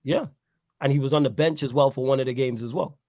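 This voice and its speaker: Recorded in studio quality with no echo, this male football pundit speaks fast in a mid-range, slightly mellow voice. His casual reaction is emphatic, full of repetition and the refrain "you know what I'm saying".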